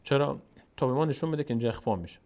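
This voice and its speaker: A man teaching Quran reading step by step, explaining rules and slowly drawing out syllables to model them. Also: mid-range voice, darkish tone.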